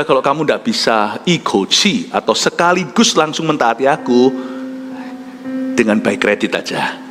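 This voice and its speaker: Male pastor preaching, high voice that jumps all over, long hall echo, bit of music behind. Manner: animated, swings from shouts to near whispers; mixes English words into Indonesian. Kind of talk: sermon. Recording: echoey hall with faint music.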